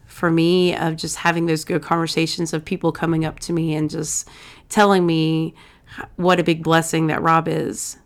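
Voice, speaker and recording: A woman talks in an earnest, heartfelt way, and her emotions come close to the surface. Her voice sits a little low for a woman. She chats casually as a guest on a podcast. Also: little pitch movement, moderate pace. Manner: warm, earnest, gets emotional. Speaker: pastor's wife and podcast guest. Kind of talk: casual chat.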